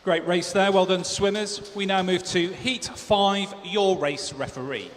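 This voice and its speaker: A man's voice: sits high, unhurried. A man working as a swim meet announcer, reading out formal race announcements over a public address system. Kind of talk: formal race announcing, listing lanes, names and results. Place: large indoor swimming pool hall. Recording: echoey hall PA, clear background noise.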